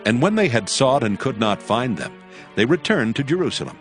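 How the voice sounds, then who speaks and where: A man narrating scripture as scripted storytelling, in a measured and solemn manner. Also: mid-range voice, big pitch swings, soft background music.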